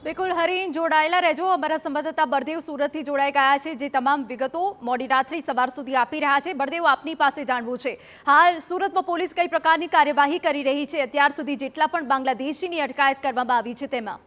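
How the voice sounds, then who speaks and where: A woman anchoring a news broadcast, handing over to reporters with brisk, crisp questions. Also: high voice, fairly bright tone.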